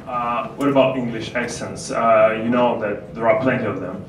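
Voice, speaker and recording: A man in the audience at an event asking a spontaneous question, pausing and hesitating as he phrases it. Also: mid-range voice, fairly even intonation. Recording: echoey, noisy hall from far off.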